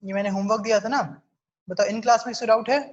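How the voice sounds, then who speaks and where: A woman's voice: a little high, steady tone, fast talker, lo-fi sound. A woman teaching a chemistry class, explaining step by step and checking in with her students often. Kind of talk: online class lecture, mixing Hindi and English.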